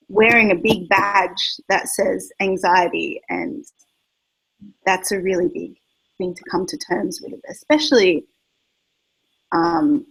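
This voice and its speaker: Husky reflective woman, lower voice. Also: fairly bright tone, low-quality recording. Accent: Australian. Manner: reflective, hesitant. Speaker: writer on a panel. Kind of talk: panel discussion.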